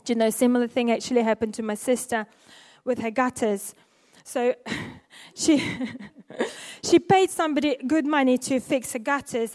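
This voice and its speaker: A woman's voice: high-pitched, darkish tone. A woman preaching a sermon, mixing scripture reading with chatty personal stories full of fillers and restarts, recorded in a church.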